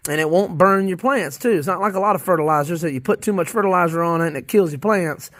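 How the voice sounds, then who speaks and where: In his vlog about his worm bins, a worm farmer from the Southern United States chats casually with viewers in a high, fast, slightly bright voice. He rambles folksily, repeating phrases and restarting often. The sound is studio quality with no echo.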